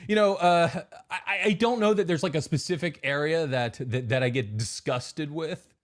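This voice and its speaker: Giving casual interview answers on a podcast, a forty-something technology executive speaks at a moderate pace in a fairly high voice. His speech is full of repeated words and restarts, and he quotes hype voices with mockery.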